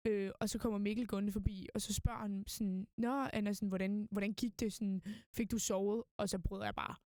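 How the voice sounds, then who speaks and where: A young woman speaking as a podcast guest, recounting events in a loose, rambling way with lots of fillers and quoted inner thoughts. Her voice sits at an ordinary middle pitch. The sound is dry and close, with no room echo. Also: steady tone, a little mellow. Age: young adult. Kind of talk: casual storytelling interview.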